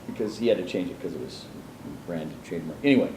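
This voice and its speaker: A man's voice: deep voice, expressive, quick pace, reverberant, background noise. A man telling his life story in an interview, rambling through asides and acting out the people he quotes. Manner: meandering, many restarts and asides, acts out quoted people.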